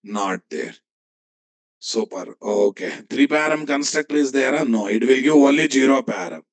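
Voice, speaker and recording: A man's voice: medium pitch, normal speed, gravelly. A man with a Telugu Indian English accent giving a live coding lesson, dictating as he types and often repeating phrases and checking with students. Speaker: programming instructor.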